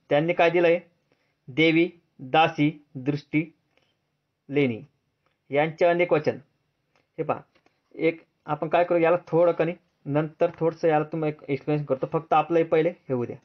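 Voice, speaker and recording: A man with a Marathi accent teaching a grammar lesson, drilling students with repeated questions and answering them himself in a lower, softer voice. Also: steady tone, normal speed, long pauses. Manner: answers drop low and soft. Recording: dull lo-fi sound.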